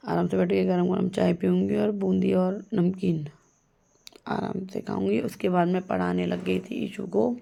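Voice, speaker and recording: Gravelly-voiced woman narrating her vlog. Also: on the low side, level tone, moderate pace, dark tone. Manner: chatty, storytelling, laughs often. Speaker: vlogger.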